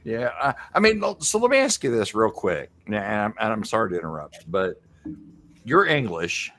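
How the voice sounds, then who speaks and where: A man's voice: lowish voice, sing-song, normal speed, a bit bright. A man who is a guest on a livestream chat, teasing and laughing often.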